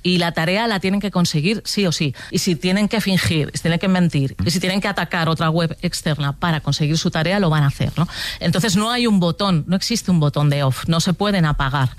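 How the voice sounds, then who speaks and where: Spanish guy, highish voice, explaining stuff emphatically, chatty radio commentary. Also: fairly quick, dry recording.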